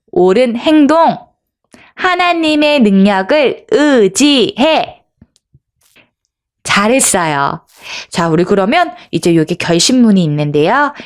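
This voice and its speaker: A woman teaching preschoolers at Bible school in a coaxing, sing-song way. She asks the children questions and slows down so they can repeat phrases after her. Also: mid-range voice. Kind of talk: demonstration lesson for preschoolers.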